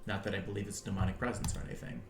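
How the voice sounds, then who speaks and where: A man streaming a game, reading its narration aloud in an animated way with frequent chuckles. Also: low-pitched, very fast, echoey room, faint music behind.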